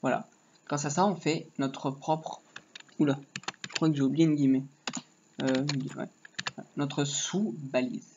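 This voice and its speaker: A man's voice: a little high, fairly even intonation, measured pace, long pauses. A man giving a casual screen-recorded coding lesson, rambling and joking to himself while he types. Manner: rambling, joking asides, talks while typing. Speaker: HTML tutorial teacher. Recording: dull lo-fi mic with faint noise. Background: keyboard typing.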